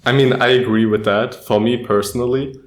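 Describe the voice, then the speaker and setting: A young man from Germany co-hosting a student podcast, talking in a measured, earnest way. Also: medium pitch, fairly even intonation, echoey room. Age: young adult. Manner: measured, earnest, says "quite frankly" often. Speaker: podcast co-host. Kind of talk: casual podcast chat.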